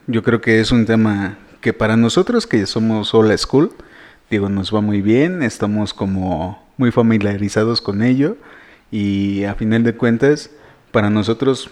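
A man, co-hosting a casual podcast chat, laid-back and quick to laugh. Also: lowish voice, darkish tone. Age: 30s.

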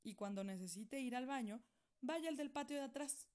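A woman's voice: high voice, normal speed, darkish tone, pitched above the performer's own voice, close to an everyday voice. A woman voicing a strict, authoritarian middle-aged doctor uncle in a storybook reading, formal and scolding. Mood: stern.

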